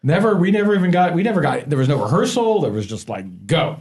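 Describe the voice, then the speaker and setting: A man's voice: a little high, fast talker. A man talking as a podcast guest in casual chat, telling stories and laughing often. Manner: animated storyteller, laughs often.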